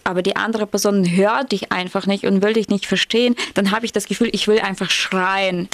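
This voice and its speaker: A woman's voice: medium pitch, dry recording. A young Ukrainian woman with an accent, talking earnestly in a casual podcast chat, sometimes searching for words. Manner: earnest, searches for words, small grammar slips. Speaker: podcast co-host.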